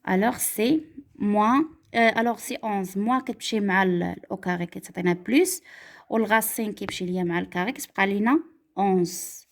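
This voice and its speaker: A woman with a Moroccan accent teaching a math lesson, stepping through calculations and slowing down to read out examples. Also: mid-range voice. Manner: switches between French and Moroccan Arabic, slows down to dictate examples.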